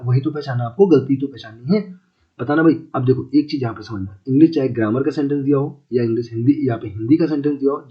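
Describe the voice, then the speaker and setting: A man teaching a casual exam-prep Hindi lesson, repeating key words and asking listeners if they follow. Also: medium pitch. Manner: repeats key words, asks checking questions; chatty, calls listeners brother and friends. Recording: slightly dull lo-fi audio.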